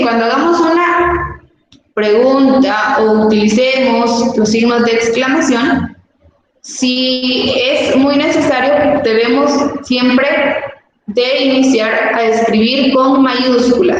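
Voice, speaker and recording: A woman's voice: high-pitched, takes it slowly. A woman teacher giving a classroom lesson from a textbook, explaining patiently and asking rhetorical questions. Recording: echoey room with long reverb and faint noise.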